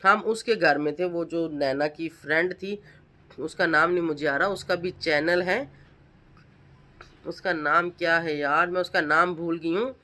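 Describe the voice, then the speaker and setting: Emphatic woman vlogger, bright voice. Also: on the low side, steady tone, a little slow. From Pakistan. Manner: emphatic, accusing, rhetorical questions. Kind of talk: reaction vlog commentary.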